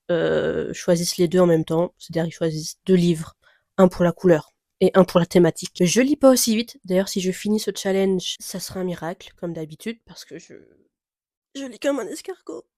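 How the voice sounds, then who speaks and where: A young woman chatting casually to camera about her reading plans, rambling with many fillers and soft laughs. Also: fairly low pitch, no room sound, clean studio sound. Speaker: book vlogger.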